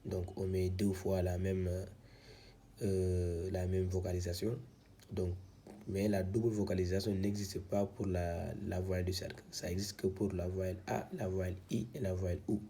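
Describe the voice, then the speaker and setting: A man's voice: deep voice, level tone, moderate pace, mellow, slight background noise. A man teaching how to read script, patiently sounding out syllables one by one in a step-by-step lesson. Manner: patient, repeats syllables one by one, frequent "donc". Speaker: Quran reading teacher.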